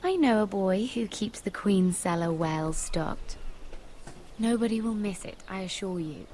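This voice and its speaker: An actress playing a friendly, playful young handmaiden at a fantasy court in a video game. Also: female voice, medium pitch, animated, measured pace, mellow, a little hiss or hum, natural voice. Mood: playful, coaxing.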